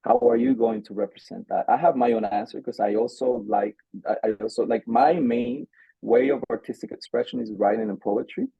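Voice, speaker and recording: A man's voice: medium pitch, vocal fry, breathy edge, no echo, dull audio. A man from the Caribbean hosting an artist information session over a video call, speaking with many restarts and repeated words. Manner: halting, many restarts, animated. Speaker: artist relations director.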